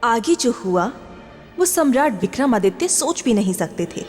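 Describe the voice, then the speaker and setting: A divine female storyteller with a fairly high, lively voice and a calm, story-telling delivery. Her voice sounds echoey, with faint music behind. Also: normal speed. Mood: storytelling.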